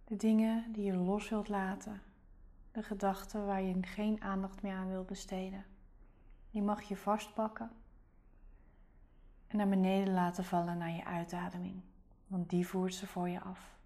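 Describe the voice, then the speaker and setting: Soft-whispering woman guiding a meditation. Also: mid-range voice, normal speed, pauses often. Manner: soft whispering, calm and soothing. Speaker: meditation guide. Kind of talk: guided relaxation meditation.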